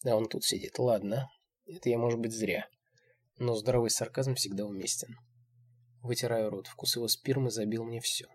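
A man narrating a first-person audiobook in a steady, measured reading. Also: mid-range voice, slightly rough.

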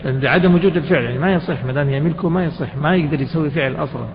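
The lecturer's slightly high voice comes out rapid-fire against a noisy background as he walks a jurisprudence class through a text. He often quizzes the students and adds colloquial asides, and the recording from the lecture hall is dull and reverberant.

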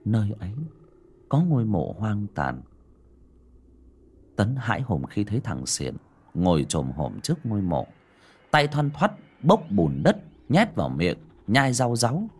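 Male narrator, dramatic horror reading, low husky voice, very lively pitch. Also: unhurried. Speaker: storyteller.

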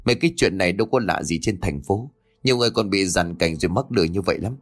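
A man playing a skeptical young man who doubts a ghost-catching trick. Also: sits low. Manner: skeptical, brisk.

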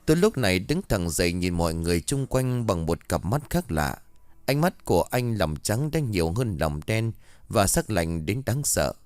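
A man's voice: low-pitched, very animated, moderate pace, darkish tone, clean tone, dry recording. A man narrating a ghost story with dramatic storytelling.

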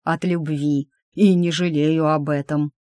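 A gruff, grumbling half-goblin young man, read out by a woman narrator in a storybook. His voice sits fairly low and sounds dry and close to the mic. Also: fairly even intonation, measured pace, mellow, no room sound. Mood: tender.

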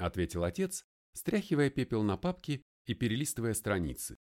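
Expressive male audiobook narrator. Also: medium pitch, fairly quick. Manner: expressive, first-person storytelling.

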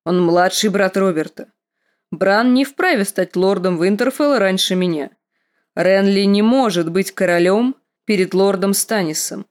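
Female audiobook narrator with a mid-pitched voice, steady and measured. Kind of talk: audiobook reading with voiced dialogue.

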